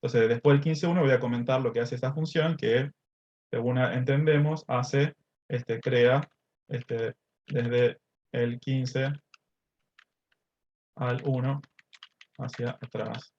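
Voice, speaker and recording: A man's voice: mid-range voice, steady tone, takes it slowly, long pauses, darkish tone. A male math teacher walks through code on screen one step at a time. His voice sits in a middle range, and he keeps checking in with his class. The audio is a little dull and lo-fi, as if taken from a computer microphone. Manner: explains step by step, checks in with "¿sí?" and "este". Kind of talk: screen-recorded coding lesson.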